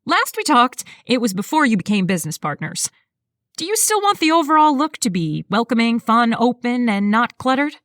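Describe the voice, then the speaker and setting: A woman voicing a brisk, purposeful female interior designer with a slight Texan accent. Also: fairly high pitch, big pitch swings, a bit bright, no room sound, studio quality. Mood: bustling. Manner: upbeat, bustling.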